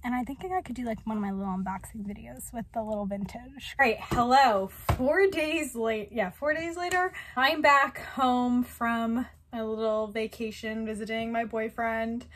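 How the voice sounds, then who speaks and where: A woman's voice: a little high, a bit bright, slight background noise. A young adult woman vlogging in a rambling, chatty way, full of fillers. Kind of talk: casual chat.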